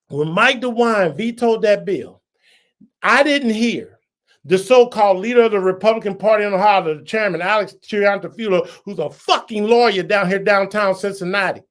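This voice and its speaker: A man with a fairly high-pitched voice hosts a podcast and delivers an angry political tirade. He hammers the same insults again and again. His level swings from low, grumbling asides to loud, shouted accusations. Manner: heated, insulting, repetitive tirade. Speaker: podcast host. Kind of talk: political rant.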